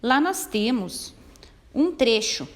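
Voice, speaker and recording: A woman teacher reading out lesson instructions in a measured, deliberate way. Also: fairly high pitch, big pitch swings.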